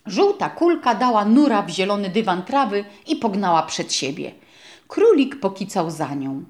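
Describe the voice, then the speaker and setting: A woman reading a children's storybook aloud in a gentle, expressive narrating voice. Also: mid-range voice. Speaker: audiobook reader.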